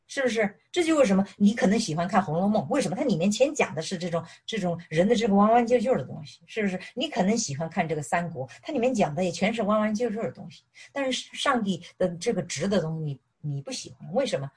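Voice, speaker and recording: A middle-aged woman from mainland China gives an animated sermon, mixing personal testimony with questions to her listeners. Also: medium pitch, quick pace, husky. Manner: animated, repeatedly asks "是不是". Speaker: preacher.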